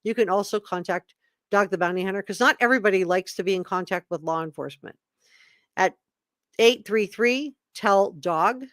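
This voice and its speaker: Female livestream host, mid-range pitch, emphatic and opinionated, reads documents aloud and comments informally, dry sound. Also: moderate pace, fairly bright tone, no echo. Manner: emphatic, repeats key words for effect; opinionated, informal asides between read passages. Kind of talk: live commentary, reading statements aloud to chat.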